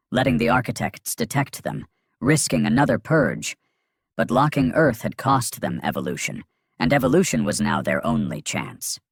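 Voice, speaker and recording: A man narrates a science fiction story from a script, dramatic and grave, delivering clipped phrases in a gravelly, husky voice. His pitch is mid-range, and the recording is dry and studio quality.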